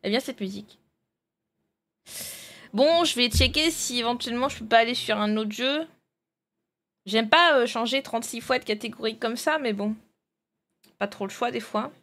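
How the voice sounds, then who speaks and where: Pausing often as she talks at a normal speed, this woman has a slightly high, somewhat bright voice. She thinks aloud in casual live-stream chat with viewers while looking through files and changing games.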